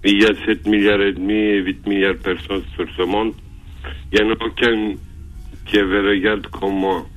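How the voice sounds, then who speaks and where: A man with a Turkish accent calling in to a radio show, speaking in halting, simple phrases. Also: fairly low pitch, little pitch movement, muffled recording, faint music behind. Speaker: caller. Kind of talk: phone-in caller telling his story.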